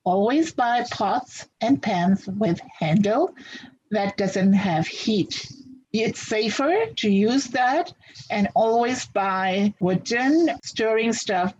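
A woman's voice: medium pitch, lively intonation, slow, a little mellow, husky, lo-fi sound. A woman from Fiji answering interview questions in a practical, upbeat way. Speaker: interview guest.

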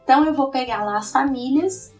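A woman's voice: high voice, lively intonation, brisk, a little mellow, far from the mic, faint music behind. A woman educator with a Brazilian Portuguese accent, explaining her teaching methods in an earnest presentation, often tagging phrases with a questioning "né".

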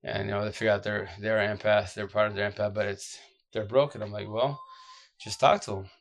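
A man with a deep, groggy, exhausted voice giving casual, blunt relationship advice off the cuff in slangy, repetitive phrases. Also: little pitch movement, fast, vocal fry. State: exhausted, short of sleep. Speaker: social media advice streamer.

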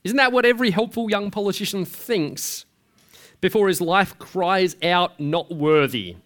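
A man's voice: high-pitched, moderate pace, fairly bright tone. Conversational preacher man. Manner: conversational, with frequent restarts and rhetorical questions. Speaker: pastor. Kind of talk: sermon.

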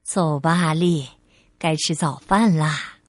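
A patient, loving storybook mother who reassures in a gentle, lowered voice, played by a woman reading aloud. She speaks slowly and warmly and never rushes. The recording is dry and close. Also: no echo. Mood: reassuring.

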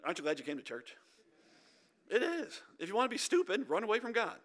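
A man preaching a sermon as pastor in a church, emphatic, swinging between loud urging and quiet intensity. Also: high voice, huge pitch swings, quick pace.

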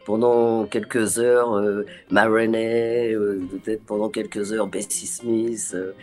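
A woman's voice: rumbling low, slow pace, faint music behind. A woman voice actress from France, talking in an interview in a hesitant way, with frequent restarts, and acting out the dialogue she remembers. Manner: animated, acts out remembered dialogue. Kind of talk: interview conversation.

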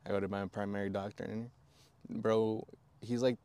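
A young man in his twenties speaks as a podcast guest, his voice low and smooth with a resonant clarity. He talks candidly and haltingly, full of fillers and casual swearing. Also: flat delivery, dark tone.

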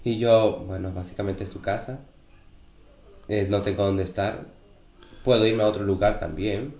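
A Venezuelan man in casual chat, talking in a measured, wry way. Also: lowish voice, fairly even intonation. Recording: echoey room.

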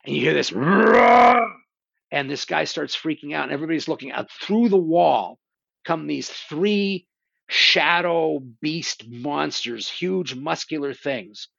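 In dull, echo-free audio, a podcast host with a higher, gravelly, fairly bright voice speaks a little slowly. He relaxedly and animatedly relays horror movie stories in casual conversation, swearing now and then.

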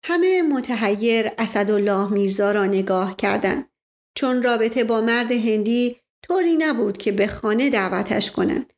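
A woman narrating a novel in a steady storytelling read. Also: a little high. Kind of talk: audiobook narration.

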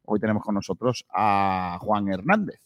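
Low-voiced man hosting sports radio. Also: expressive, moderate pace, dry recording, studio quality. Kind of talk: casual, conversational radio presenting. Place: stadium press room.

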